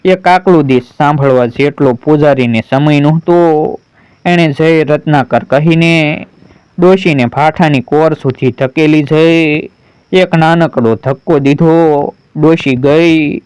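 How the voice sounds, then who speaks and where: A man reads a folk story aloud in a slow, deliberate, dramatic manner. His voice is smooth and clear, a little high for a man. The sound is dry and close. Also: darkish tone, no room sound, rough recording. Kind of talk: scripted story narration.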